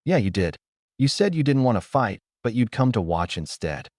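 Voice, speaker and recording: A man voicing an eager, cheerful young boy who excitedly pleads with his mother in a storybook reading. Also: mid-range voice, normal speed, dry recording, clean studio sound, close to an everyday voice. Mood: pleading.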